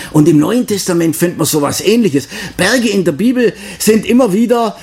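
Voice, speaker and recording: An older man giving a devotional talk as a preacher, earnest, slowing down to stress key phrases. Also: high voice, gravelly, a little mellow. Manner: earnest, with slow emphatic stresses.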